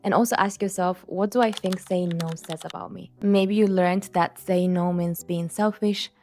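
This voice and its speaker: A video creator whose first language is Italian speaks straight to the viewer in a reflective self-help monologue. Her lowish voice is calm and earnest at normal speed, with soft music playing behind her.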